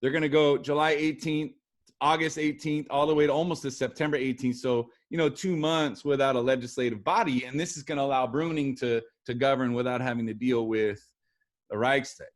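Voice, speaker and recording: A man teaching a history lesson in a relaxed, chatty way, acting out what historical figures said. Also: medium pitch, brisk. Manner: animated, acts out quotes of historical figures. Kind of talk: casual classroom lecture.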